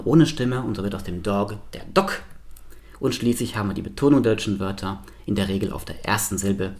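A man, a linguist, giving a playful science slam talk with lively spoken examples. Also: lowish voice.

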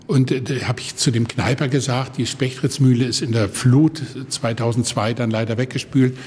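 A man around seventy from Germany's Baltic coast, a guest telling lively anecdotes in conversation and acting out the people in them. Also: medium pitch, moderate pace, long reverb tail, slight background noise. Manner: lively storyteller who acts out the people in his stories. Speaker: guest, organ builder.

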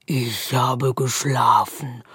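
A drowsy cave dragon from a storybook that grumbles slowly and softly, just woken from a long sleep, as a woman acts it out. The voice is husky and set in a dry, close space. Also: steady tone, dry recording, exaggerated voice. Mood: grumpy. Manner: slow, low, drowsy growl.

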